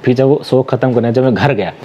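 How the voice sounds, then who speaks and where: Mellow-voiced man telling lively stories. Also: mid-range voice, brisk, slight background noise. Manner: animated anecdotes with acted-out dialogue. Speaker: guest, actor and voice artist. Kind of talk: casual interview storytelling. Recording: dull lo-fi sound.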